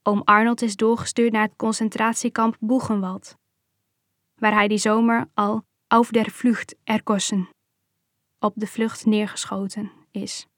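A woman reading a first-person memoir aloud in a calm, measured storytelling manner. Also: medium pitch, dry recording, studio quality.

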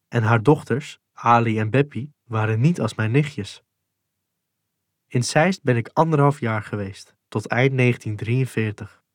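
A man calmly reading a first-person memoir in a measured, sober way. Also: medium pitch, no room sound, studio quality. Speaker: narrator. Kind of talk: scripted memoir narration.

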